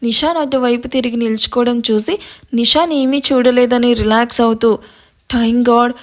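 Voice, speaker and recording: A woman storyteller narrating a romantic story in a lively reading style. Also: a little high, a little fast. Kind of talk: scripted narration.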